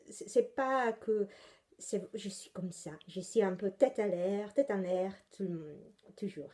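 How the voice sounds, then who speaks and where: With a mellow, mid-range voice, this young woman from Italy talks about knitting on her podcast. Her chat is loose and wandering, full of pauses and self-corrections, colored by an Italian accent.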